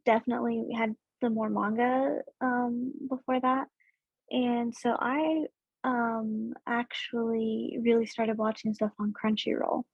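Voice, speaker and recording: A woman's voice: on the high side, vocal fry, slightly rough, no echo. A woman guest chatting casually on a roundtable podcast, hesitant, with many ums and restarts. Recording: dull lo-fi audio.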